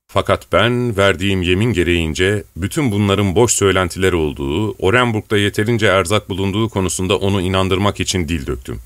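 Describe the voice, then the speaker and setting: Male audiobook narrator, low and measured, dry close read. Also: no room sound. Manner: measured, storytelling.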